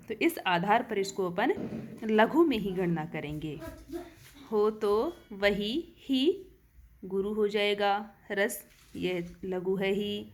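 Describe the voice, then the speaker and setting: A woman's voice: mid-range voice, slight background noise. A woman teaching a Hindi verse-meter lesson, counting syllables aloud and answering her own questions.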